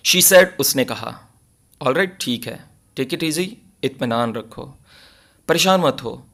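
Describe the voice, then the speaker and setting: A man with a Pakistani accent teaching an English lesson, reading each line slowly and explaining it in Urdu. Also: medium pitch, animated, vocal fry, fairly bright tone.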